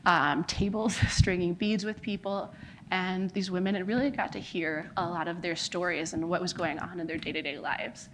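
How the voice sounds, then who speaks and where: This American charity founder speaks earnestly in a lowish voice during a conference talk in the United States. She leans often on fillers such as "kind of" and "like," with a bit of noise in the background at the venue.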